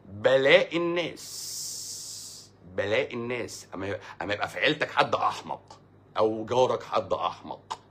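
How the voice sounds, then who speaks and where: A man's voice: lowish voice, fast, a bit bright, husky. A man with an Egyptian accent hosting a livestream, answering viewer comments in a sarcastic, mocking, rambling way. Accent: Egyptian Arabic. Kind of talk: sarcastic casual livestream talk.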